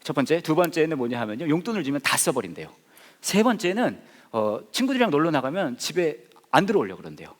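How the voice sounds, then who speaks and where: A man's voice: on the high side, quick pace, in a large hall. A man preaching, a pastor telling a story with humor and acting out the people in it. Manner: animated, jokey, acts out voices.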